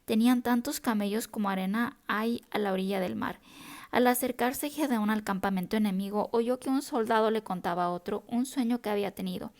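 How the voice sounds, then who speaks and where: A woman reading a Bible passage aloud in a steady, unhurried devotional style, now and then correcting herself. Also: mid-range voice. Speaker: Bible reader.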